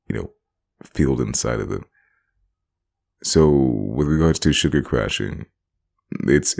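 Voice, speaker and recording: Rambling casual talker, male, very low gravelly voice, laughs often. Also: darkish tone. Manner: rambling, repetitive, laughs between phrases. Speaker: vlogger. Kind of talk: casual monologue on wellness.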